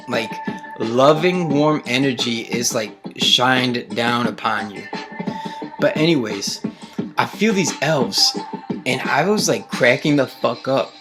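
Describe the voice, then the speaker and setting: A young man talking casually to camera at home, rambling excitedly and swearing, his voice jumping up when he quotes himself. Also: medium pitch. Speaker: vlogger recounting a trip.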